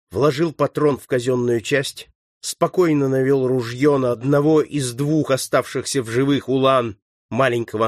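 A man narrating an adventure novel in a measured, even storytelling voice. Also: medium pitch, no room sound, studio quality. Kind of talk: scripted audiobook narration.

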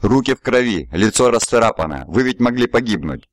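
Guy doing a cool calm boss type, shaved head, no warmth just quiet force, dry room. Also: mid-range voice, brisk, no room sound, voice pushed up, close to an everyday voice. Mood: reproachful. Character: cold composed shaven-headed man in charge.

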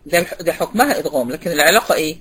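A woman's voice: low voice, lively intonation, very fast, a bit bright, husky. A woman with an Egyptian Arabic accent teaching a recitation class, quizzing students by name and repeating key points. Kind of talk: online class lecture.

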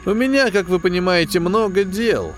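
A man reading an audiobook, voicing a plump, smug male space-station quartermaster who talks in a condescending, falsely sympathetic, drawn-out way. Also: sits high, expressive, faint music behind, pitched above the performer's own voice. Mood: smug, patient. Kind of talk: audiobook character voice.

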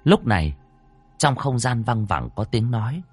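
A man's voice: mid-range voice, big pitch swings, a little slow, slightly rough, soft background music. A man narrating a ghost story dramatically, voicing each character himself. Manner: dramatic, acting out every character.

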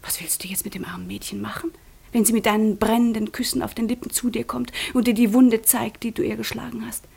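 A proud, breathy young convent girl. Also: a little high, little pitch movement, fast, hardly any pauses, mellow. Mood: hushed intense. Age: young adult. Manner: drops often to a tense whisper. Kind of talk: studio radio drama acting.

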